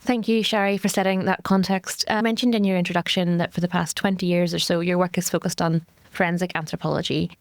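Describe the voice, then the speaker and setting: Brisk woman hosting a podcast. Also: on the low side, little pitch movement, no echo. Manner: brisk, polite, scripted introductions. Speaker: podcast host, law lecturer.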